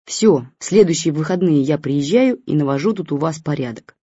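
A woman's voice: low voice, animated, moderate pace, warm tone, husky, dry recording. Woman voicing a snappy blunt mother. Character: brisk, sharp-tongued grown daughter, a young mother. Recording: dull lo-fi recording.

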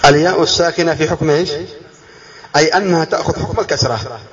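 A man teaching a class, quizzing his students with questions, drawing key words out slowly and putting on a student's puzzled voice. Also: fairly high pitch, a bit bright, lo-fi sound. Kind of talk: classroom lesson.

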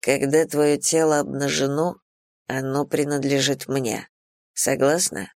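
A woman reader voicing a dominant, teasing man in an erotic romance audiobook, speaking low, slow and hushed. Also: steady tone, dry recording, clean studio sound. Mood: teasing, commanding.

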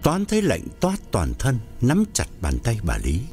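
Man narrating with sweeping pitch. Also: wildly swooping pitch, dark tone, faint music behind. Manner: measured storytelling with wide pitch swings. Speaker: audiobook narrator. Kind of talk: scripted story narration.

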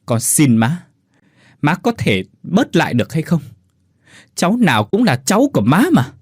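A man's voice: a little high, very animated, normal speed, slightly rough, no room sound, studio quality, voice pushed up. A man voicing a pregnant young wife who pleads tearfully. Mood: desperate pleading.

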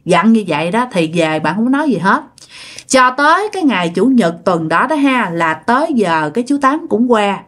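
A woman's voice: mid-range voice, big pitch swings, fairly bright tone. A woman with a Southern Vietnamese accent telling a ghost story in a chatty, casual way with many fillers. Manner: chatty, filler-heavy, dramatic pauses.

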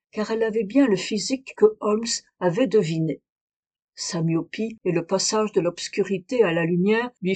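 A woman reads a detective story aloud in an even, steady way. Her pitch sits in a middle range and her delivery is clear and unhurried. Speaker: audiobook reader. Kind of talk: audiobook narration.

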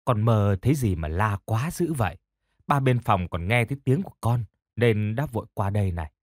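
Gentle old father read by a man, storybook audio, hoarse, soothing, soft. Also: on the low side, lively intonation, normal speed, no room sound, studio quality. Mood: tender.

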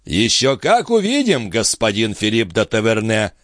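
Irritable wounded nobleman, blustering and gruff, read by a male narrator. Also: mid-range voice, sing-song, normal speed, fairly bright tone, no room sound, studio quality, voice pushed up. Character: hot-tempered wounded male viscount, cursing.

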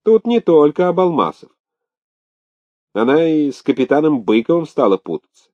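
A chatty young maid from a spoken storybook, full of sly gossip and prim scolding, as a male reader puts her on. The voice sits well above the reader's own, swinging up and down, with a dark tone on a dull, lo-fi recording. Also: a little high, big pitch swings, moderate pace, pitched above the performer's own voice.

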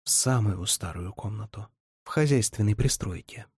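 A man's voice: on the low side, moderate pace, slightly rough, dry recording, studio quality. A man reading the lines of a spirited, teasing young woman in an audiobook, lifting his voice somewhat for her.

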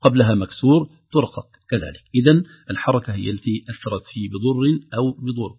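A man with a husky, breathy voice teaches recitation rules in a dry, close room, explaining patiently and pausing to chant example words louder and slower. The recording has a dull, lo-fi sound. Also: medium pitch, expressive, no echo. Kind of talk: tajweed lesson with recited examples.

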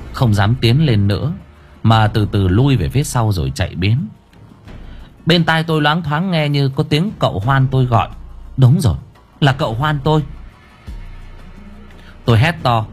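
A man narrating a first-person audiobook story in a dramatic, lively way. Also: mid-range voice, breathy edge.

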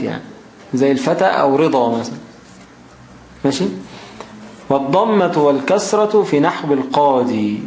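A man with an Egyptian Arabic accent explaining a grammar text. He reads it out slowly, then keeps asking rhetorical questions as he goes. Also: a little high, gravelly, a little mellow. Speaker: grammar teacher. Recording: roomy echo, faint background noise.

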